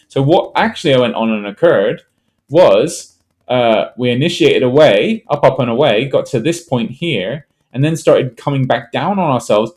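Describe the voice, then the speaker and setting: A man in a middle register talks through a chart trade review in a loose, conversational way. He thinks out loud, trails off, restarts his sentences and fills the gaps with ums and you-knows. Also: mid-range voice. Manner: rambling, thinks aloud with fillers and restarts. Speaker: trading educator. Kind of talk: casual screen-share trade walkthrough.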